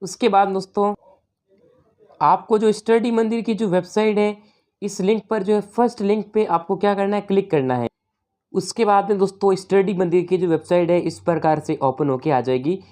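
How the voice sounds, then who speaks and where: A woman teacher with a Rajasthani Hindi accent explaining an exam paper step by step, calling the viewers "friends" and reading the English questions slowly. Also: medium pitch, mellow. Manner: explanatory, repeats "dosto", slow English readings. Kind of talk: exam paper walkthrough lesson.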